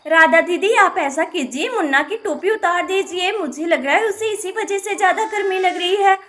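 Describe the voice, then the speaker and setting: A cautious young village girl, as a woman voices her in a doll-play story. She speaks in a very high, bright voice. She is earnest and sensible. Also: normal speed. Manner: warning, sensible.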